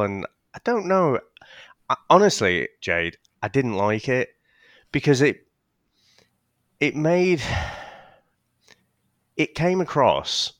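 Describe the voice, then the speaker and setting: A man's voice: on the low side, a bit bright, no echo, clean studio sound. A man co-hosting a casual podcast, hesitant, with stammering restarts and casual swearing. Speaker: podcast co-host.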